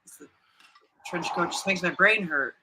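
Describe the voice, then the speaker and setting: A woman's voice: fairly low pitch, normal speed, noisy background. A woman co-hosting a casual livestream chat, giggly and playfully teasing. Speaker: co-host.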